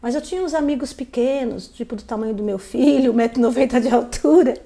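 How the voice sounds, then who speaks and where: A woman hosting a live stream, telling a story from her own life in a fairly high voice. She tells it with plenty of animation and acts out the voices of the people in it. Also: fast talker, warm tone.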